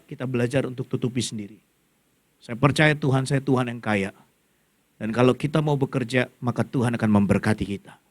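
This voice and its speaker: Lively preacher man, dry close sound. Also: dry recording. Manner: lively preaching, wide pitch swings, asks congregation to repeat. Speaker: pastor. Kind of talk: sermon. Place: church stage.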